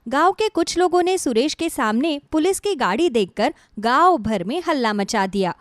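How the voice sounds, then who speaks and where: A woman narrating a scripted bedtime moral story in an even, measured storytelling manner. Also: sits high, no room sound, clean studio sound.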